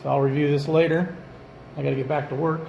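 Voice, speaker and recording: An amateur paranormal investigator narrates his own ghost-hunting vlog on a phone or handheld camera, exploring empty public restrooms and an office indoors. His voice is on the high side, gravelly and flat, and he talks fast. The audio is dull and echoey, with background noise.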